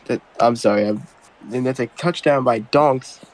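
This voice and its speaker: A man's voice: mid-range voice, normal speed, poor audio. A man doing casual amateur play-by-play football commentary, rambling and correcting himself as he goes. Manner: rambling, self-correcting, apologetic while multitasking.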